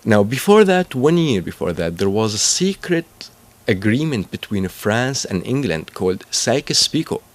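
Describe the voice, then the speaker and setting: A man speaks in a very low voice as an interview guest. He explains at length, pausing to search for words and often restarting his sentences. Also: big pitch swings. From Palestine and Syria.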